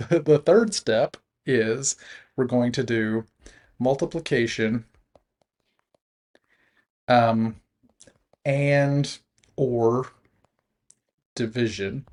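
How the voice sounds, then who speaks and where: A man teaching a recorded math lesson, talking through the steps in a relaxed way and chuckling at his own slips. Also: medium pitch, gravelly, slightly rough.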